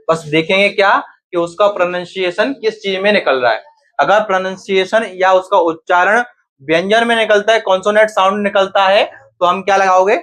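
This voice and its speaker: A man's voice: sits high, fairly bright tone. A man teaching a grammar lesson to a class, often asking students questions and then answering them himself.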